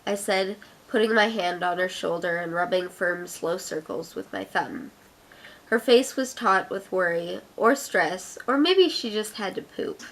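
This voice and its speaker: A woman's voice: fairly low pitch, animated, a little slow, fairly bright tone, rough recording. A young woman from Canada with an Ottawa accent, chatting through an accent challenge and reading her own fiction aloud in a giggly way. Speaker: vlogger.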